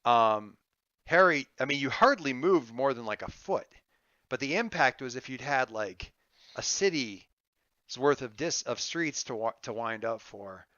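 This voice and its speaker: A man running a tabletop game as game master, narrating off the cuff and thinking aloud in a halting, casual way. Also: medium pitch, lively intonation, pushed and bright, no room sound, dull audio.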